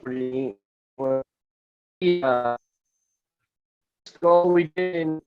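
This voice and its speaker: A man's voice: fairly high pitch, extremely slow, smooth, dry recording, faint music behind. A man talking hesitantly as a guest on a video call, his voice robotic, warbling and cutting out. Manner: hesitant, many fillers and restarts. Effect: robotic, warbling call audio that keeps cutting out. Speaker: guest artisan, skull carver. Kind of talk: casual interview over a video call. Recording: tinny phone-like call line.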